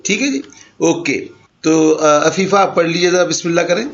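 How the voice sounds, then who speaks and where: A man's voice: fairly high pitch, lo-fi sound. A man teaching an Arabic grammar class in Urdu, explaining patiently and mixing in English terms. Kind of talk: online class lecture.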